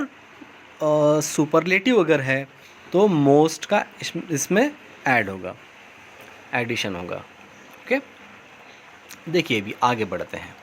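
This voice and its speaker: Over a set of slides, a male teacher with an Indian English accent walks through grammar slowly, pausing often. His fairly high voice is animated, there's slight background noise, and he patiently repeats the key words.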